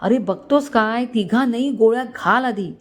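A woman voicing a greedy, ruthless middle-aged uncle who shouts bitter threats in a storybook tale. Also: fairly high pitch, normal speed, lightly acted. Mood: furious. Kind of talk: storybook narration.

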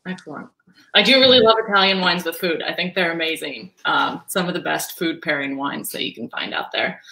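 Bright-voiced woman hosting a video call. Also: on the low side, gravelly, roomy sound, low-quality recording. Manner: upbeat, brisk moderator. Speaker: host sommelier.

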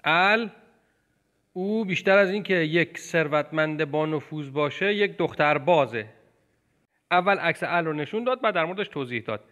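Man, English teacher, patient, slow careful repetitions, fairly high voice. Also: lively intonation, a bit bright. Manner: patient, repeats English words slowly and clearly. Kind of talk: language lesson explaining film clips.

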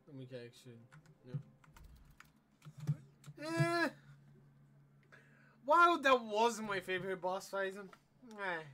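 A young man giving casual, rambling commentary while playing a game, trailing off quietly. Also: high-pitched, slight background noise. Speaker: gaming channel host.

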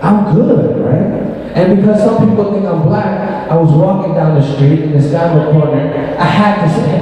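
Brash New stand-up comedian. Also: male voice, high voice, a little hiss or hum. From Brooklyn, New York. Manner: brash, profane, animated storytelling. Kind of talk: stand-up set. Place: small comedy club stage. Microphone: handheld mic, filmed from a far camera. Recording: roomy club sound from far off.

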